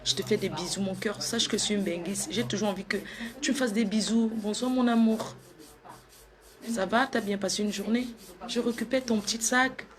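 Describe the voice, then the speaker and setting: A woman doing a comedic sketch monologue to an unseen lover, playful and theatrical, shifting between sweet coaxing and loud outbursts. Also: mid-range voice, fairly even intonation, moderate pace. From Africa.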